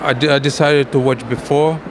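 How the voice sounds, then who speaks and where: A middle-aged man from Ukraine with a Russian accent, giving halting interview answers in broken English as a painter. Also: medium pitch, steady tone. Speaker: exhibiting painter being interviewed. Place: indoor art exhibition booth. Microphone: interviewer's handheld microphone. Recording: noisy exhibition hall ambience.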